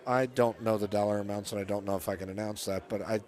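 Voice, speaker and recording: A man's voice: on the low side, steady tone, quick pace, a little mellow. A man co-commentating on a golf tournament in a casual, chatty way, with informal and opinionated banter.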